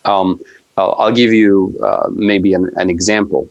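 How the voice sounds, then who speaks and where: A man's voice: low voice, steady tone, unhurried, muffled recording. A middle-aged man from Tunisia, an economics professor talking as a podcast guest, explaining policy thoughtfully with frequent restarts and fillers. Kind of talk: conversational podcast interview.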